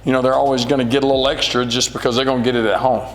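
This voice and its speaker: A man in his forties, a high school football coach, answering interview questions in an earnest, rambling way with many fillers. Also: level tone, rapid-fire, long reverb tail, poor audio. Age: 40s.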